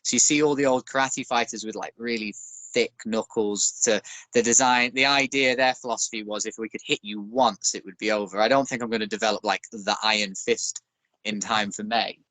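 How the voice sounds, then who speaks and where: Now brisk and steady, with a fairly low pitch and fairly bright tone, the Northern English bare knuckle boxer in his thirties chats casually as a guest. There's no echo, and his accented remarks carry dry, self-deprecating humor.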